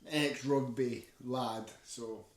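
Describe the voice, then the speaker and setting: A man's voice: mid-range voice, steady tone, extremely slow. Young man chatting in an echoey room. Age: young adult. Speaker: vlogger in a couple's Q&A. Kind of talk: casual couple chat, bantering. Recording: echoey room, distant microphone.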